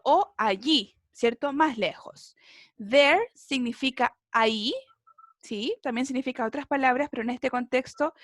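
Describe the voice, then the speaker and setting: A woman's voice: sits high, no room sound, studio quality. A woman, teaching a basic English class online, explaining patiently and checking in often.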